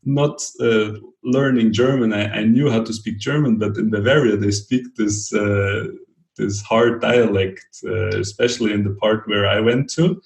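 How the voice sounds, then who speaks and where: A man with a low, gravelly voice answers interview questions in a roomy, echoing space. He talks in halting bursts, restarting phrases and laughing lightly as he searches for words. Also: steady tone. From Brazil. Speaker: podcast guest.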